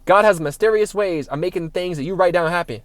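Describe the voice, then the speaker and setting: A man's voice: sits high, a little fast, no echo. Fired-up young man, preachy and profane. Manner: heated, preachy, swears, says "bro" a lot. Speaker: spiritual vlogger. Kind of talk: casual monologue.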